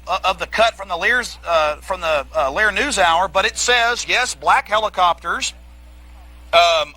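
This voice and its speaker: Male access TV host, very sharp and forceful, high voice, halting emphatic political talk. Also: low-quality recording. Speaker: host of a public access TV show.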